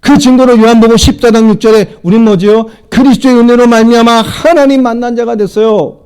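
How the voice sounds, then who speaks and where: High-pitched preaching man. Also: fairly even intonation, fairly quick, clean tone. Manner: preaching with call-and-response questions to the congregation; swings from loud emphatic lines to low quiet asides. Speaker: pastor. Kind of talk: sermon.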